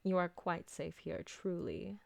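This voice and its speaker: With a low, vocal-fried voice and fairly even intonation, a woman portrays an elegant vampire noblewoman in a roleplay ASMR drama, formally and deliberately doting on her servant in a possessive way. She sounds worried, and the recording has no echo.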